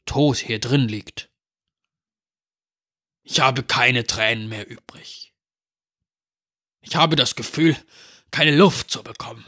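A grieving old school janitor with a grave, sorrowful delivery, as a man reads him out. His voice is bright, tense and edged, and his pitch sits in an ordinary middle register for a man. This is dramatic storytelling. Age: older. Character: despairing elderly male school janitor and great-uncle.

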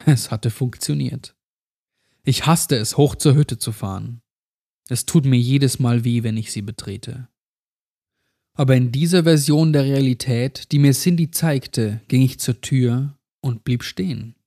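A man narrating a first-person horror story in a measured, somber way. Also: medium pitch, warm tone.

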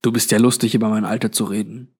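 A man's voice: mid-range voice, moderate pace, natural voice. A man voicing a sulky, mocking young man. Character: mocking sullen young man, about twenty.

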